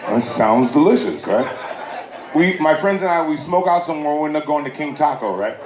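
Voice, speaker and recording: A man's voice: on the high side, lively intonation, a little fast. A man from Southern California performing a stand-up comedy set at a private party, telling loose stories with playful asides to the audience. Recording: echoey bootleg with loud crowd and noise.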